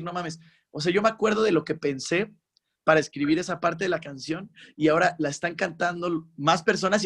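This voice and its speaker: A young man with a Mexican accent, a musician guest in a casual interview, talking in an animated, slangy way and acting out his own reactions. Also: on the high side.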